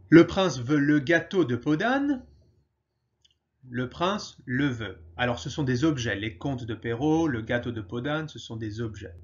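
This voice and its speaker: A man teaching French grammar in a slow, patient way, pausing often and switching to English to explain. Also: mid-range voice, dull audio. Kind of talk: grammar lesson.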